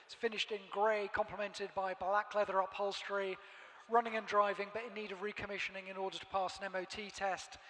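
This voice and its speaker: A man announcing auction lots, reading catalogue descriptions in a measured, formal way. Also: high voice, little pitch movement, bright, forceful tone. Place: large auction hall. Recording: hall reverb from PA.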